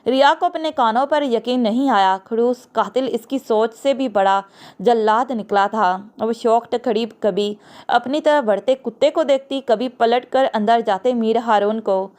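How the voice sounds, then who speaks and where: A woman narrating a romance novel in steady, scripted storytelling. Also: fairly high pitch.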